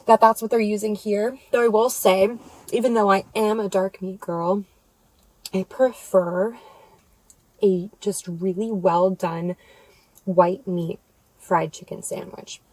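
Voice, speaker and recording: A woman's voice: medium pitch, steady tone, slow pace, long pauses, a little mellow, no room sound, rough recording. American girl doing a mukbang, chatty food review between crunchy bites of fried chicken, dry close sound. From United States. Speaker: food vlogger, mukbang host. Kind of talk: casual food review chat while eating.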